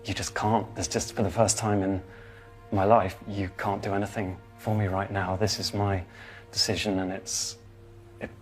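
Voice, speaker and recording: A young man from the United Kingdom, a former volunteer fighter, talking in a documentary interview in a quiet, halting and reflective way. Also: on the low side, level tone, soft background music.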